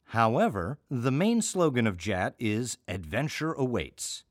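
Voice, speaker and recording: An American man, host and artistic director of an audio theater, introduces a show's season on his podcast. His mid-range voice is very animated and unhurried, recorded with clean studio sound and no echo. He's conversational and wry, tossing in playful asides.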